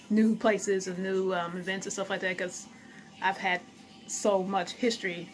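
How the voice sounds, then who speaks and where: A woman's voice: fairly low pitch, slight background noise, low-quality recording. Blunt woman vlogging while eating. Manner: blunt, encouraging, eats while talking. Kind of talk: casual talk to camera.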